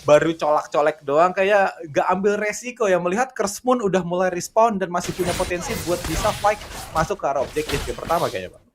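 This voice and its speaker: A man with a colloquial Jakarta Indonesian accent giving excited analytical game commentary, exclamatory and full of English gaming terms. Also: sits high, brisk, music in the background.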